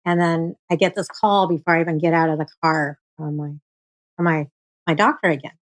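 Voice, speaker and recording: A woman in her forties, a guest on a live stream, telling a personal story in a halting, emotional way with many fillers and restarts. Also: sits low, steady tone, dry recording, rough recording. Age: 40s.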